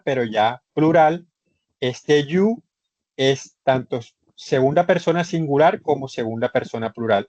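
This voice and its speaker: Male teacher, online class, unhurried and patient, repeats every step; dry, somewhat dull call audio. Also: medium pitch, darkish tone, dry recording. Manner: patient, repetitive step-by-step explaining. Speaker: English instructor. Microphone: computer microphone in a video session. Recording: slightly muffled online session audio.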